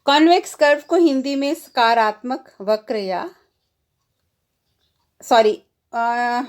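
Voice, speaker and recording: Woman, Indian accent, lecturer, high voice, unhurried, restates each term twice. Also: animated. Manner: explains slowly, repeats terms in two languages. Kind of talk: classroom lecture.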